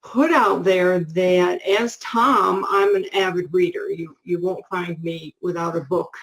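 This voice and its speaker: A woman's voice: fairly low pitch, unhurried, vocal fry, fairly bright tone, low-quality recording. A middle-aged woman co-hosting a casual show about books, chatty and full of restarts and asides. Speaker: co-host.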